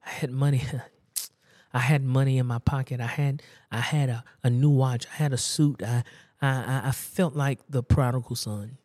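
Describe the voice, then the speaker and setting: A man's voice: mid-range voice, steady tone, normal speed, a little mellow, no echo, clean studio sound. A man preaching a sermon, telling a personal story in a conversational, emphatic and repetitive way.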